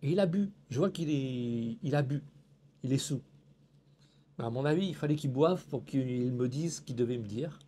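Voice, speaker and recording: A young man from France telling a personal story in a casual, animated way, acting out the dialogue and dropping in Japanese phrases. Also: mid-range voice, normal speed, husky.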